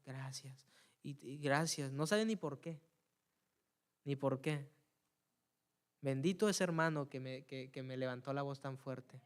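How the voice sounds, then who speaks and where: A man preaching a church sermon, telling a personal story and building to loud, fervent appeals, often repeating words as he searches for them. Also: on the high side, clear, resonant tone. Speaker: preacher giving testimony. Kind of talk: Spanish-language church sermon.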